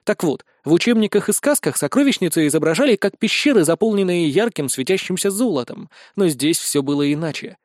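A man narrating a first-person comic fantasy audiobook in an earnest, naive, even tone. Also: high-pitched, fairly quick, hardly any pauses, no echo. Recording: dry close studio voice.

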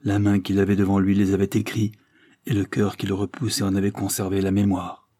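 A male audiobook narrator with a low, dark and husky voice. He reads a classic novel in a measured, even manner. The recording is close and dry. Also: dry recording. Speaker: audiobook reader.

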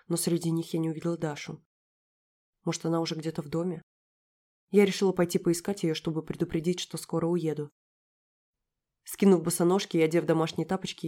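A woman reading first-person audiobook narration in a quiet, intimate, emotionally engaged way. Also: sits low.

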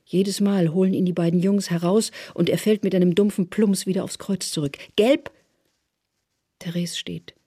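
Brief: husky radio drama narrator, measured and hushed, dry close sound. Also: medium pitch, flat delivery, no echo. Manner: measured, often hushed to a whisper.

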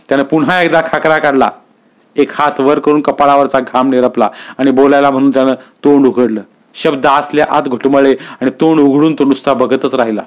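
Man reading a story aloud. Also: medium pitch.

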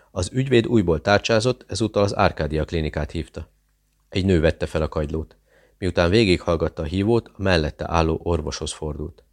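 A man reading a thriller audiobook aloud, narrating and voicing the dialogue in a steady, measured way. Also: sits low.

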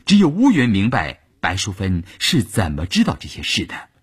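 Husky, highly expressive male storyteller. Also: moderate pace. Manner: dramatic, expressive reading. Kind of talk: audiobook narration.

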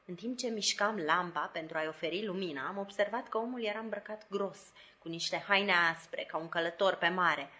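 A woman narrating a classic novel as an audiobook in a measured, even storytelling manner. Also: lowish voice. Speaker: audiobook reader.

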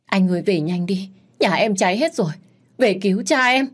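A woman's voice: mid-range voice, measured pace, a little mellow, pitched above the performer's own voice, natural voice. A woman voicing a young woman who sobs and pleads in panic. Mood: desperate. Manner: crying, pleading cries.

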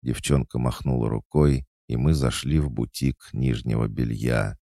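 A man narrates a first-person fantasy audiobook, wry and deadpan. His voice is extremely deep and dark with a gravelly edge. The sound is dry and close. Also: moderate pace, dry recording.

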